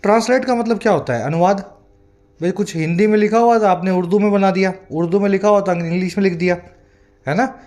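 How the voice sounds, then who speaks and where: A male English tutor with a high-pitched, slightly mellow voice gives a vocabulary lesson in Hindi mixed with English. He explains slowly, draws out the English example sentences, and keeps asking whether the viewer is following.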